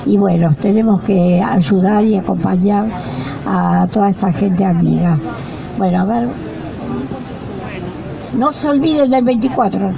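Gravelly old lady hosting a protest, bit of humor, muffled with a crowd around. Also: mid-range voice, unhurried, long pauses. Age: older. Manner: wry, adds a bit of humor. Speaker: rally host. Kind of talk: speaking at a weekly outdoor protest. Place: outdoor plaza with a crowd. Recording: dull lo-fi outdoor recording with crowd.

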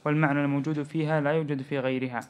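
Man reading a text fast and flat. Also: on the high side, clear, resonant tone. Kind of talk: reading aloud a scholarly text.

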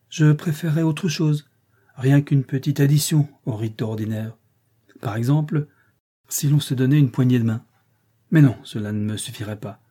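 A man reading an audiobook, voicing a brusque, teasing wealthy gentleman employer. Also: medium pitch, natural voice.

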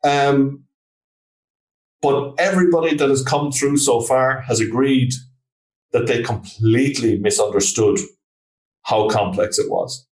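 An interview guest from Galway, Ireland, this trainer and consultant talks at a measured pace with fairly even intonation and frequent pauses. His medium-pitched voice, with its west of Ireland accent, is picked up from afar in an echoing room, and his answers are casual, plain-spoken and conversational.

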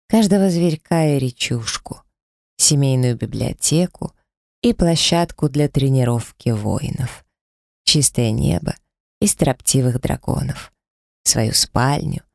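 A narrator reading a fairy tale aloud in a calm, measured way. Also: mid-range voice, vocal fry, no room sound, studio quality.

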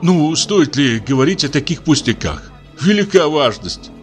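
A flustered, fawning middle-aged man hushes a row and bellows toasts, as a male reader plays him. His voice is high and lively in pitch. A faint music bed sits under this audiobook play. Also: normal speed. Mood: embarrassed. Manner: embarrassed, then loud toasting.

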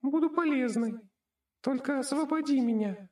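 A squeaky tiny trapped spirit. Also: male voice, moderate pace, a little mellow, recorded from a distance. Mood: pleading. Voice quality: piercing squeak. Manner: pleading, insistent. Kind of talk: audiobook character voice.

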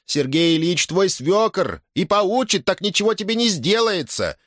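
A man's voice: high voice, lively intonation, moderate pace, a bit bright, no room sound, studio quality, voice pushed up. A man voicing a pious old peasant woman who implores in a wailing, imploring way. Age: older.

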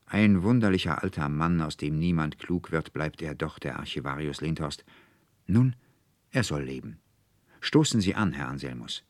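A man's voice: extremely low pitch, expressive, normal speed, no echo. A man voicing a tipsy middle-aged male clerk who talks in a boisterous, blustering way in a read-aloud story. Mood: jovial.

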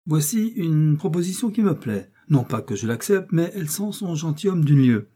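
A man's voice: on the high side, big pitch swings, normal speed, mellow, breathy edge, voice pushed up. A man reading the lines of a proud, courtly noble musketeer in a formal, gracious way.

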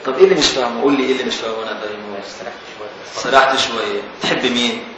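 A man with a medium-pitched voice races through a lesson on a classical Islamic legal text, his Egyptian Arabic accent clear as he teases and questions the class. The sound is very echoey and faintly hissy, recorded far from the microphone.

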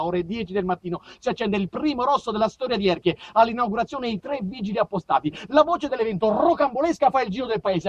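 An actor-author from southern Italy performs his own comic storytelling monologue for radio, declamatory and mock-epic, alternating between proclaiming and confiding. His voice is high-pitched, and the lo-fi recording has no room sound.

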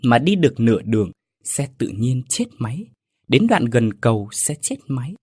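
A man narrating a ghost story in an expressive, dramatic way. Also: mid-range voice, moderate pace, husky, no echo, clean studio sound.

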